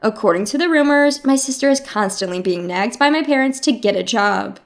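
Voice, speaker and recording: A woman narrating a personal drama story in an expressive, dramatic manner. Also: a little high, fairly quick, vocal fry, soft background music.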